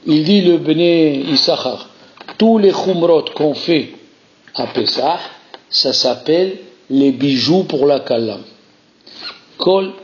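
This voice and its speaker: Rabbi guy teaching a torah class, fairly high voice, keeps repeating stuff, muffled lo-fi sound. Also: a little hiss or hum. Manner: animated, repeats key phrases, mixes Hebrew terms into French. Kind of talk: Torah lesson. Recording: muffled lo-fi recording.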